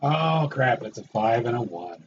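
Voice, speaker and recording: A man chatting casually and reacting quickly while playing a board game. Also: mid-range voice, lively intonation, lo-fi sound, noisy background. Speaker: board game stream player.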